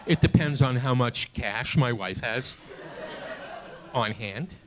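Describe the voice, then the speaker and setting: A man in his late sixties performing a stand-up comedy set in a small theater, with a halting, self-deprecating delivery full of restarts, and audience laughter behind him. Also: mid-range voice, animated, a crowd in the background. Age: 60s. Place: small theater stage before a live audience.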